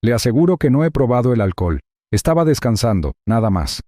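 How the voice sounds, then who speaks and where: A man voicing a composed male executive who speaks in a measured, precise, steady way. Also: medium pitch, no room sound, clean studio sound. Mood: calm.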